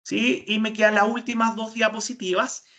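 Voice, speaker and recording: A woman's voice: a little high, flat delivery, moderate pace, fairly bright tone. A woman with a Chilean accent presents a webinar lecture as a speech therapist. She explains methods step by step. She often puts a question to her listeners and answers it herself. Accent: Chilean Spanish.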